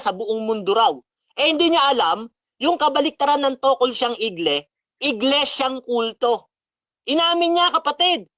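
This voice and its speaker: Male debater, high-pitched, dry close sound; taunting, scripture-quoting rebuttal. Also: bright, forceful tone, no echo. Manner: taunting, mocking, quotes scripture constantly. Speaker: religious debater.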